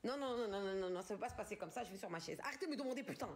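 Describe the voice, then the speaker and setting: Talking rapid-fire with lively intonation at a medium pitch, a twenty-something French livestreamer vents furiously about a story from her bedroom. She swears and uses street slang, filmed on her phone camera.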